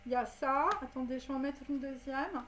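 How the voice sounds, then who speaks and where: A woman's voice: sits high, level tone, brisk, a bit bright, a little hiss or hum. A woman giving a rambling tarot reading, full of fillers and asides. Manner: rambling, many fillers and "hein". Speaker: tarot card reader. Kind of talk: casual tarot reading to camera.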